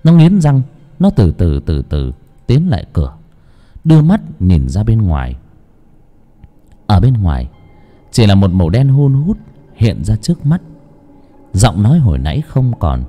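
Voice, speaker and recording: A man's voice: fairly low pitch, huge pitch swings, measured pace, long pauses, dark tone. A man narrating a horror audiobook in a suspenseful, dramatic way.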